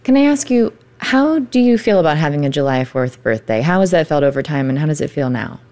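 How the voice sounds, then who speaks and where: A woman moderating a panel discussion, asking questions in a polite, measured way. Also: deep voice, expressive, a little mellow.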